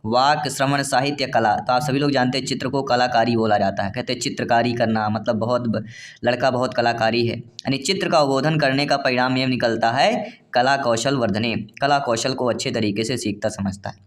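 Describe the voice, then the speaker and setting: Male exam coach, mid-pitched, reads questions slowly and explains them plainly to his students. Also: fairly even intonation. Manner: addresses viewers warmly as dear friends and fellow teachers. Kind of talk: online exam-prep lesson.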